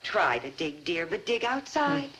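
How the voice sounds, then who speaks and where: Patient coaxing mom, animated intonation, tactful, vintage TV sitcom, noisy track. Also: female voice, medium pitch, unhurried. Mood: gently coaxing. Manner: coaxing, calling people dear. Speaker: mother. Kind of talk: 1950s-60s TV sitcom acting. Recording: noisy old TV soundtrack.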